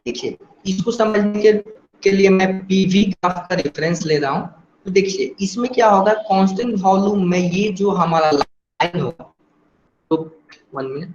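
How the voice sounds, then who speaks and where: Indian male lecturer, high voice, roomy and muffled online recording, methodical and questioning. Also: measured pace, a little hiss or hum. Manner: explains step by step, asks rhetorical questions, frequent "theek hai". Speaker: engineering teacher. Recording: dull roomy online class audio.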